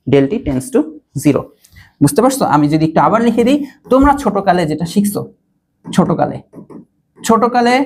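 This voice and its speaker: A man's voice: sits high, a little mellow. Young man, online math tutor; question-and-answer style, keeps checking that the class follows. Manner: repeats key points as questions and keeps checking that students follow; mixes English math terms into casual speech. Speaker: teacher. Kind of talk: online physics and math lesson.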